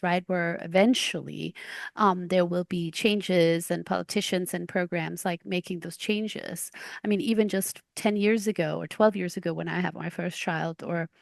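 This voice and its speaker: Panel guest: woman, 40s, grew up in Denmark, gravelly and dry, halting with restarts. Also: lowish voice, no room sound. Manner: halting, many restarts and fillers. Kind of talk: panel discussion.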